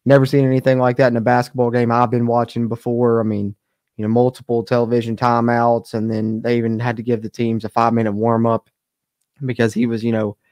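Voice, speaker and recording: Young male host, casual live stream commentary, flat delivery, dark tone, dry close mic. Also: medium pitch, dry recording. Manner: casual, filler-heavy, talks to live chat. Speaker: sports webcast host. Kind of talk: live sports postgame commentary. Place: home streaming studio, indoors. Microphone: studio mic close on camera.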